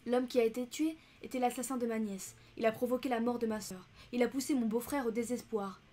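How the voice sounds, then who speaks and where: A woman's voice: a little high, fairly even intonation, a little fast, dark tone, soft background music, close to an everyday voice. A woman voicing a dignified young countess who speaks with composed, restrained intensity in an audiobook reading.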